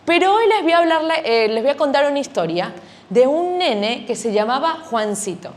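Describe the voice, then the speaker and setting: A woman's voice: sits high, moderate pace. A woman telling a story to children at church, often quizzing them with questions. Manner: animated, questioning the kids. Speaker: children's Sunday school teacher.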